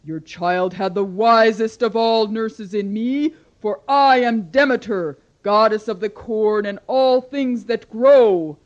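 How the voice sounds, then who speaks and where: A woman's voice: fairly low pitch, animated, a little slow, hardly any pauses, a little mellow, dull audio. A woman voicing a proud, grieving harvest goddess who speaks in a grand, wrathful way.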